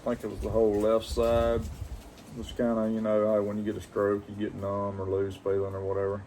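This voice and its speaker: A man telling a personal story casually, in a plain-spoken, halting, reflective way. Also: on the low side, monotone, warm tone, slight background noise, low-quality recording. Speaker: pipe-smoking vlogger.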